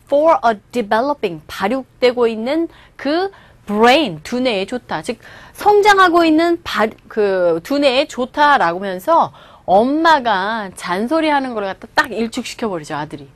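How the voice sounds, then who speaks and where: A woman teaching English through movie lines. She explains each phrase, repeats it slowly and acts out the lines. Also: on the high side, sing-song, dry recording.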